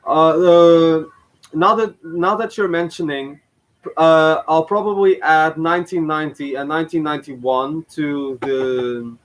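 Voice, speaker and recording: Reacting to a past contest on his own channel, this male host speaks casually and haltingly, often using fillers and starting over. His pitch is fairly high and his delivery a little slow. Audio quality is poor.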